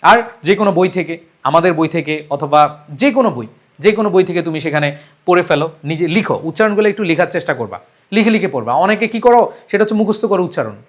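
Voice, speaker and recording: A man's voice: fairly high pitch, animated, fast talker. A young man teaching an exam-prep lesson, emphatic and repeating key points while mixing in English words. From Bangladesh.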